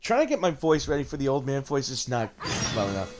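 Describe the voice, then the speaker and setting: A man's voice: medium pitch, sing-song, fast talker, very noisy. A man giving casual commentary while playing a game, chatting and reading dialogue aloud. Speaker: gaming streamer.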